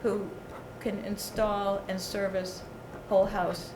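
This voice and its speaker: Here a woman speaks slowly in a mid-range voice with little pitch movement, offering outspoken, casual remarks as a committee member at a local meeting. The informal discussion takes place indoors in a meeting room, recorded with echo and obvious background noise.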